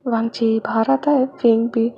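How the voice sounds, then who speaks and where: A woman reads a story aloud in a plain, steady way. Her voice is high and thick with vocal fry. The recording sounds dull and lo-fi, with a faint hiss underneath. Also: unhurried. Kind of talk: reading fan fiction aloud.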